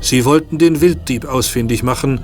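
A man's voice: mid-range voice, normal speed, faint music behind. Male radio-play narrator.

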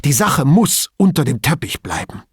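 A man reading an audiobook gives a full character voice to a pompous police chief, very animated and indignantly emphatic on every point. His husky voice leaps about in pitch at a moderate pace, and the recording is close and dry.

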